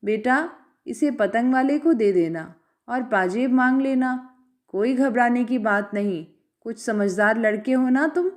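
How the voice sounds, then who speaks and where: A woman's voice: a little high, measured pace, lightly acted. A woman voicing a stern father. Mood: coaxing. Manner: firm, scolding. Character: stern middle-aged father scolding his son.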